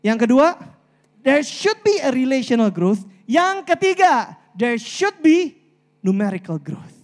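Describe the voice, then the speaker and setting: A woman giving a lively faith talk to a community gathering, talking fast, pleading with listeners, telling stories and slipping into English phrases. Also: high-pitched. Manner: pleading and storytelling. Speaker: community speaker. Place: meeting hall.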